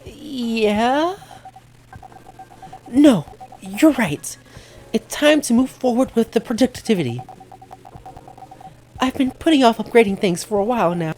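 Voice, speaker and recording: A woman's voice: a little high, lively intonation, unhurried, long pauses, darkish tone, a little hiss or hum, voice pushed up, low-quality recording. A woman voicing a chatty, friendly young woman who visits a cafe, reading video game dialogue aloud.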